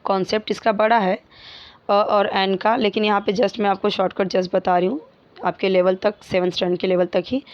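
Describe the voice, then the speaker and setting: A woman tutor who explains grammar slowly and reads sentences word by word, repeating the key words. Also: medium pitch, no room sound. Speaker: English tutor. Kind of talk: classroom explanation, Hindi mixed with English. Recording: dull, lo-fi dry recording.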